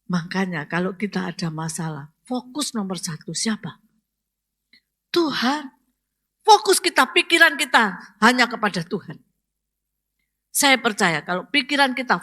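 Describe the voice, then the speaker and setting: A woman's voice: mid-range voice, pushed and bright. A woman pastor, preaching a sermon and asking the congregation questions, rising to emphatic exclamations.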